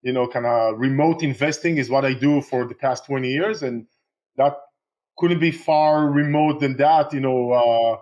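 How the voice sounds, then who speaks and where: Israeli-born man, halting, lo-fi. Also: medium pitch, darkish tone. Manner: halting, many fillers and restarts. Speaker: guest, real estate investor. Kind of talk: casual interview talk.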